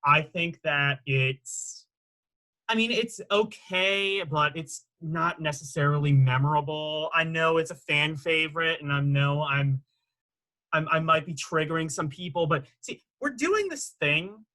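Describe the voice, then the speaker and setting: A young man with a fairly high, bright voice talks through his music opinions in a loose co-host chat. He rambles, restarts and keeps hedging with "in my opinion.". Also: fairly even intonation, measured pace, rough recording. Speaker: podcast co-host. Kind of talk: casual music review chat.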